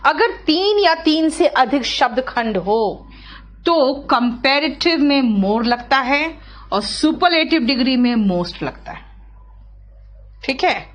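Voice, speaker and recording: A woman's voice: sits high, expressive. A woman teacher giving a grammar lesson, spelling out words syllable by syllable and checking that her students follow. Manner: explains slowly, drawing out words syllable by syllable; asks students questions, checks understanding.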